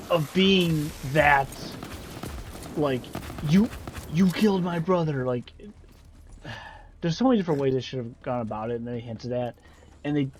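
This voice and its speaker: Rambling frustrated gaming host. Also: male voice, mid-range voice, husky. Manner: frustrated, rambling, frequent sighs. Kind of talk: casual game commentary.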